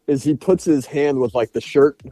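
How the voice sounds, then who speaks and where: A man's voice: medium pitch, normal speed, dry recording, soft background music. A man co-hosting a podcast, casually talking through a film review with laughs and restarts. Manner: animated retelling with frequent laughs and restarts. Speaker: podcast co-host.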